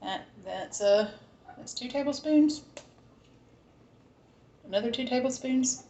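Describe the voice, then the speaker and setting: A home cook with a Southern American accent chats casually in a cooking vlog, thinking aloud as she cooks in her home kitchen. Her voice sits high and mellow, her pace is slow, and the sound is reverberant.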